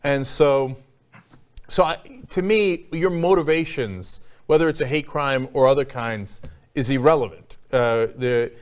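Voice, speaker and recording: A man's voice: mid-range voice, unhurried. A man hosting a casual talk show, giving blunt opinions, swearing freely, with lots of fillers and restarts. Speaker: host.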